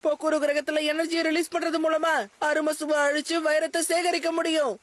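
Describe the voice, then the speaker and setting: A voice actor playing a gadget-minded cartoon companion who explains the danger in a flat, hurried way. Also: high voice, no room sound, lightly acted. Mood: explaining. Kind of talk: amateur cartoon dubbing.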